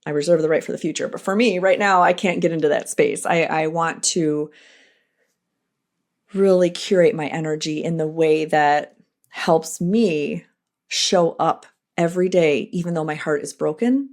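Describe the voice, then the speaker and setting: A middle-aged woman speaks on her own podcast, her voice sitting on the lower side. She talks in an earnest, reflective monologue, breaking off into animated asides and restarting her thoughts as she goes. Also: normal speed. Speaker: podcast host.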